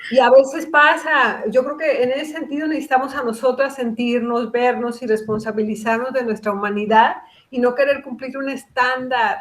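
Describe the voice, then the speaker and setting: A middle-aged woman talks as a guest psychologist on a casual podcast. She is reflective and explains her ideas through examples and quoted dialogue, in a slightly high voice. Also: steady tone, moderate pace, few pauses, fairly bright tone.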